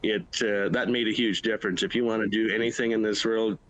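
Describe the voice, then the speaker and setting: A middle-aged man from Manitoba with a Canadian Prairie accent, talking casually as an interview guest. His voice sits a little low, and he is plain-spoken, phrasing things in short bursts. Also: fairly even intonation, a little fast, fairly bright tone, poor audio. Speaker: livestock auctioneer, interview guest.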